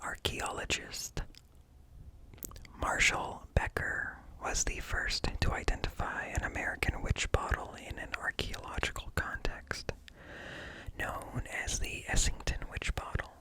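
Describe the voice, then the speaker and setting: A male ASMR creator whispers encyclopedia articles close to the microphone, pausing between short phrases, with ear-to-ear stereo. The recording quality is low.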